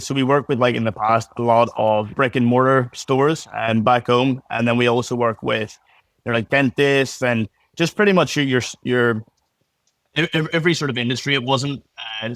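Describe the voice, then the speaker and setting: A young man from Northern Ireland with a strong Belfast accent chats as a casual podcast guest over a video call, laid-back and full of little fillers and restarts. His ordinary-pitched voice sounds dry and close, with no room sound.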